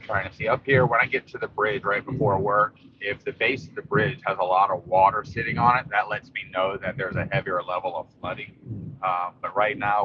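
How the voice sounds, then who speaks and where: Low-voiced man talking over loud driving noise. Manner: rambling, matter-of-fact observations. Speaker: local vlogger giving a storm update while driving. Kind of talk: casual live commentary. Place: inside a moving car in rain. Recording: dull lo-fi audio, steady car and rain noise.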